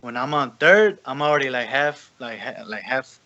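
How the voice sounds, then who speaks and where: A man's voice: mid-range voice, expressive, moderate pace, bright, forceful tone, highs cut off. A young man in casual chat, self-deprecating, swearing freely and stammering.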